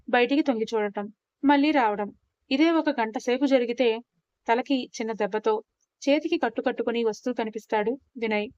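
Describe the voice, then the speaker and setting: Woman narrating a story, high voice. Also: a little mellow, no echo, highs cut off. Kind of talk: scripted audio story narration.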